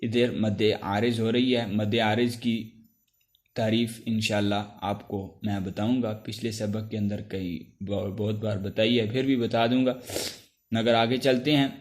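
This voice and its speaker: A man with a Pakistani Urdu accent teaching a Quran recitation lesson, explaining each letter step by step and chanting the sounds slowly. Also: lowish voice, little pitch movement. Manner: slow drawn-out chanted letters between spoken explanations; clears throat now and then.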